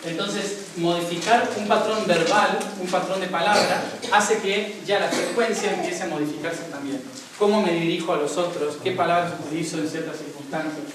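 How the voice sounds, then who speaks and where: A man's voice: on the high side, background noise. A young man, giving a spiritual talk to a live audience and explaining step by step while often checking in with his listeners. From Argentina. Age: young adult. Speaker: spiritual speaker. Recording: very echoey room, mic far off.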